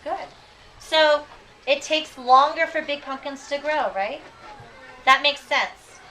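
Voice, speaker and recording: An elementary school teacher with a bright, high voice reads aloud to children in a classroom, expressive and deliberate, pausing to ask questions that check their understanding. The microphone is distant and the room is noisy.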